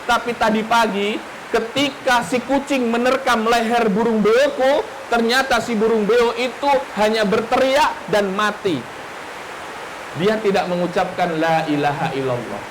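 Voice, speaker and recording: A man voicing a gentle, solemn male religious teacher who speaks slowly and repeats himself as he confides. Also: high-pitched, noisy background. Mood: sorrowful. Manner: slow, confiding, repeats his words.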